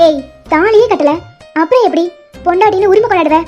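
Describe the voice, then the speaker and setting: A furious young mother, played by a woman, in an animated love story, scolding and ordering a man out. Her voice sits very high but mellow rather than sharp. The audio is dull and lo-fi, with soft music behind. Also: fairly quick. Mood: angry. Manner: scolding, exasperated. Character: angry young mother rejecting the man who wronged her. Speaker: female lead.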